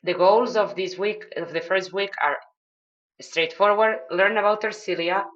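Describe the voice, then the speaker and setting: A woman with a Spanish accent, not a native English speaker, mentors newcomers over a video call, walking through steps with many fillers and restarts. Her mid-range voice is unhurried, and the recording has its highs cut off.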